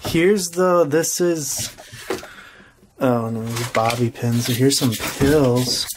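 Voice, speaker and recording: A man wanders an abandoned trailer home, pointing out leftover things in an unhurried, offhand way. His voice sits at a middle pitch and comes through a handheld camera. The recording carries a steady layer of noise. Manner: slow, offhand remarks on found items. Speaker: urban explorer. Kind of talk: casual exploring commentary. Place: abandoned trailer homes, indoors. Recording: noisy handheld camera audio.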